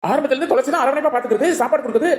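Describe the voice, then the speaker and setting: A woman's voice: sits high, lightly acted. A woman voicing a stern but caring village husband and father with a Tirunelveli Tamil accent, lecturing in a cartoon. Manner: lecturing, rapid-fire. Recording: echoey with music.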